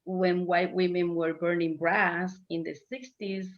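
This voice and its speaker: A woman speaking as a panelist on a virtual panel, with many pauses and fillers. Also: lowish voice, little pitch movement, highs cut off. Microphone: video call.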